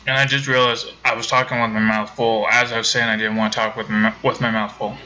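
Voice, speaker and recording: A man's voice: lowish voice, level tone, fast, sharp tone, rough recording. A man streaming a game from home, chatting casually with viewers and rambling with many self-corrections. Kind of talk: casual let's-play commentary.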